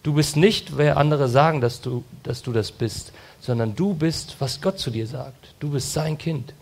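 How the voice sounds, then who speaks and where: A man's voice: a little high, moderate pace, vocal fry, darkish tone. A man preaching a sermon, talking earnestly and directly to his listeners, now and then acting out quoted phrases. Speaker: pastor.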